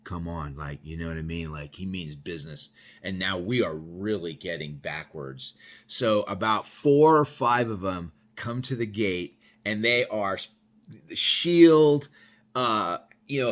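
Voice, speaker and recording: A man telling a personal story in a loose, rambling way, full of "you know" and "bro.". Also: fairly low pitch. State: sweaty after yard work. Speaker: vlogger telling personal stories. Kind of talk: casual spoken storytelling.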